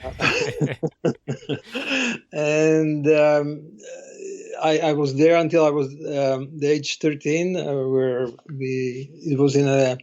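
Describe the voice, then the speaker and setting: A man in his sixties from Slovakia, a guest on an interview podcast, telling his story in a reflective, unhurried way. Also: fairly high pitch, little pitch movement, dark tone, muffled recording. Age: 60s. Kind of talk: casual interview conversation.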